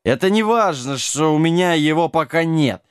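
A man's voice: on the high side, lively intonation, normal speed, clear, resonant tone, no echo, clean studio sound, voice pushed up, close to an everyday voice. A man voicing a drunk, brash, self-styled mad king who talks in swaggering slang. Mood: tipsy swagger.

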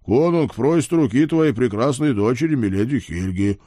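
A man plays a Viking herald who announces his lord with pompous ceremony. The voice is lifted and loud, swelling with self-importance. It is recorded close and dry. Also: mid-range voice, lively intonation, normal speed, no echo, lightly acted. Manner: proclaiming, grandiose. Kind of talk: audiobook character voice.

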